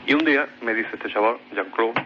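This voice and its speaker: With a mid-range voice and a slightly fast delivery, a man with a Spain Spanish accent shares his own paranormal story as a radio mystery show guest. He hesitates often and repeats words. The muffled recording has a little hiss or hum.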